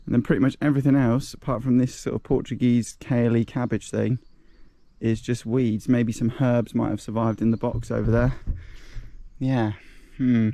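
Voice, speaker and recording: A man's voice: medium pitch, level tone, moderate pace, warm tone. Easygoing man narrating his farm vlog. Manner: chatty, upbeat, easygoing. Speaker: family vlog host. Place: outdoors on a rural farm.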